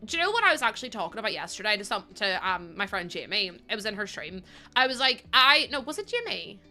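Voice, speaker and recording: She's livestreaming and keeping things casual with her viewers, her mid-range voice very animated and her delivery fast. Chatty and quick to laugh, she greets the chat warmly.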